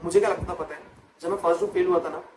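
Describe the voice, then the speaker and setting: A man's voice: high-pitched, fairly even intonation, racing. A young man, a chartered accountant and exam coach, tells a personal story in an emotional vlog. He repeats phrases for emphasis and mixes English words into his talk. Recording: noisy background.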